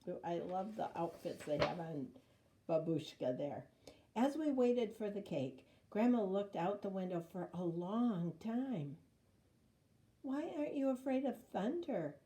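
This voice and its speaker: A woman reading a children's story aloud in an expressive, dramatic way, drawing out words. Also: lowish voice. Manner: dramatic, with drawn-out words and sound words. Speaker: storybook reader.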